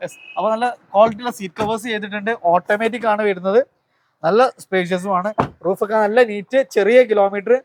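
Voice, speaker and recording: With background noise behind him, a man hosts a promotional walkaround of used cars for a video. His voice is high-pitched and steady, and he talks quickly in an enthusiastic sales patter full of tag questions, mixing English words into his Malayalam.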